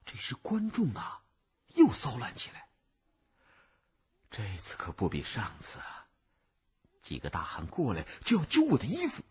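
A man reading a children's story aloud in the first person, slow and expressive. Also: medium pitch, slightly rough, dull audio.

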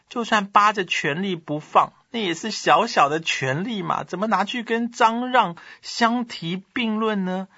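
A man's voice: sits high, pushed and bright, no room sound, lo-fi sound, heavily acted. A man voicing an easygoing, indulgent male emperor who brushes off complaints in a soothing tone. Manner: soothing and dismissive.

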